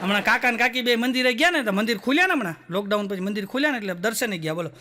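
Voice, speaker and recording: A man telling stand-up jokes, acting out the dialogue in quick voices. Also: high-pitched, expressive, noisy background. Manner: storytelling with quick voiced dialogue, "બોલો" tags. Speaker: stand-up comedian.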